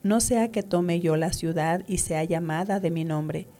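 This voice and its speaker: Mellow low-voiced woman reading scripture. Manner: measured, even reading. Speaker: scripture reader.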